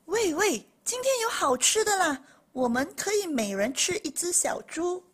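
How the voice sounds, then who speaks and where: A hungry storybook wolf, gleeful about dinner and then quick to dodge it, voiced by a woman. The voice is high and bouncy, stretching its words out. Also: very animated, heavily acted. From Malaysia. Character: greedy grown wolf, cheerful then evasive. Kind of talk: storybook reading.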